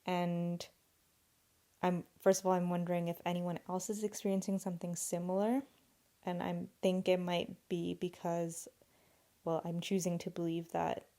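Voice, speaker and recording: With a low-leaning, mellow voice, this solo podcast host muses aloud earnestly and rambles as she goes. She's a young woman, and Urdu is her first language.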